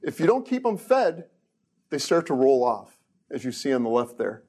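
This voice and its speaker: A middle-aged man lectures on hardware research in a relaxed, offhand way. He drops wry jokes into the technical points and often stumbles and restarts mid-sentence. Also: medium pitch, moderate pace, breathy edge. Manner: casual, joking asides, frequent restarts. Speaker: research engineer giving a lecture.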